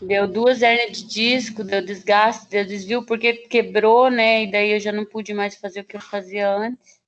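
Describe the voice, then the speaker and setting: A woman student recounting a workplace accident in an online class, rambling and animated with many restarts, heard over a video call. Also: medium pitch, moderate pace, highs cut off. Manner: animated, rambling storyteller with frequent laughs and restarts. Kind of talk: telling a story in an online class.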